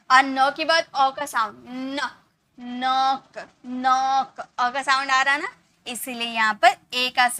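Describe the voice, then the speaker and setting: A woman teaching a spelling lesson, patient, repeating words slowly to show how they sound. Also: sits high, bright, forceful tone, dry recording. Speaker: English teacher.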